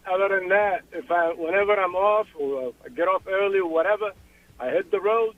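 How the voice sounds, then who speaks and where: A man's voice: high-pitched, brisk, dry recording. A man from Egypt calling in to a radio show, friendly and earnest as he rambles about fishing. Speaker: caller. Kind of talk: phone call-in chat. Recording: tinny phone line.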